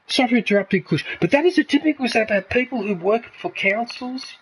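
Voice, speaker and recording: A man's voice: very high-pitched, lively intonation, fast, fairly bright tone, husky, low-quality recording. A man in his fifties from Australia, ranting angrily and swearing heavily in a casual chat. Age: 50s. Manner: heated, swearing, repetitive ranting. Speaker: streamer.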